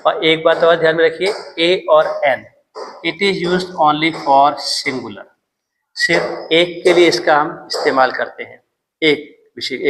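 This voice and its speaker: A man's voice: a little high, fairly bright tone, poor audio. A man teaching English grammar in Hindi, patiently repeating each point and checking in with "theek hai". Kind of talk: classroom grammar lesson.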